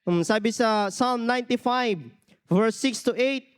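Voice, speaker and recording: High-voiced preaching pastor. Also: male voice, a little slow, smooth. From Philippines. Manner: peppers every point with questions to the congregation; mixes English phrases into Tagalog preaching. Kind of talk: sermon.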